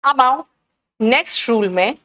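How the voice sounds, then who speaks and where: Woman teacher for an online grammar class, slow and patient, drawn-out examples, fairly high voice. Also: lively intonation, sharp tone. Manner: patient, drawn-out explaining, calls students "beta".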